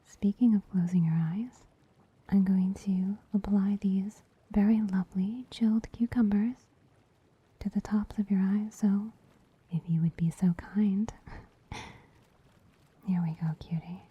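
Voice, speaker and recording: A breathy, almost voiceless whisper from a woman as a soft-pawed bunny spa attendant, unhurried and teasing. The sound is dry and close, with a slightly dull, muffled top end, as in an intimate ASMR recording. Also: medium pitch, fairly even intonation, dry recording. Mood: soothing. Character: gentle soothing female bunny spa attendant. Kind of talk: ASMR roleplay. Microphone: close mic.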